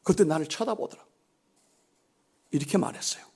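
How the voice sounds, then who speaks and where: A middle-aged male pastor preaching in a church, telling a story and then exhorting. He drops to hushed near-whispers and rises to loud, emphatic lines. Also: on the high side, normal speed, creaky, breathy edge. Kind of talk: sermon with storytelling. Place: church sanctuary.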